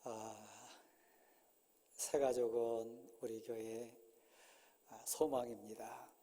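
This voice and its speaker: A man pastoring a congregation speaks in a husky, warm-toned voice, giving announcements between frequent halting pauses. His words carry a long reverb from the church sanctuary around him. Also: medium pitch, level tone. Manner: halting, many drawn-out "ah" pauses.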